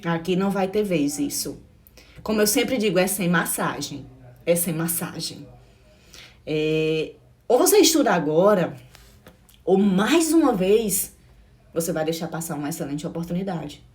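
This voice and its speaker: A woman's voice: fairly low pitch, expressive, measured pace, pauses often, darkish tone. Fiery, blunt Brazilian woman teacher. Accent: Brazilian Portuguese. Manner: emphatic and blunt, repeats phrases, calls listeners "meu amor", swears. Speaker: social work exam-prep teacher. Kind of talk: passionate live-stream pep talk.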